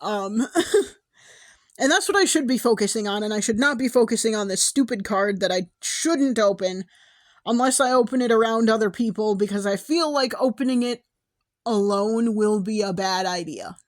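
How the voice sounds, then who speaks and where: A young woman hosting her own podcast, rambling in a casual personal monologue and laughing often, her voice going hoarse. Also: medium pitch, moderate pace. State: losing her voice. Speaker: podcast host.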